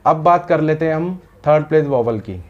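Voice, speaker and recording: Guy teaching shorthand, slightly high voice, patient, keeps checking if you got it. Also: expressive, normal speed, a little mellow, lo-fi sound. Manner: explains patiently, often asks "samajh aaya?". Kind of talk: step-by-step lesson.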